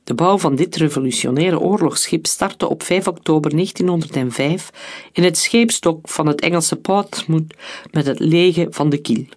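A narrator reading a historical story in a steady storytelling voice. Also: mid-range voice, normal speed.

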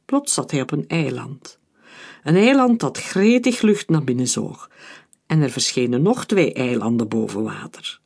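A man reading a children's adventure story aloud in a lively, dramatic way. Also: medium pitch, unhurried, vocal fry, slightly rough. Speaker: narrator.

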